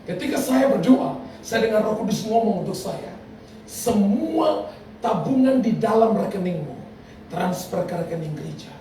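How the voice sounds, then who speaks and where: A man from Indonesia, preaching a sermon as a pastor in an animated way, acting out quotes and laughing between lines. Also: high-pitched, normal speed. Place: large church hall. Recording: echoey hall from far off with noise.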